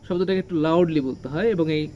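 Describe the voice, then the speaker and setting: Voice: medium pitch, steady tone, rapid-fire, warm tone, lo-fi sound, a little hiss or hum. A teacher, giving a lesson to children. The teacher asks questions, answers them, and repeats key words with heavy stress. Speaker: English teacher.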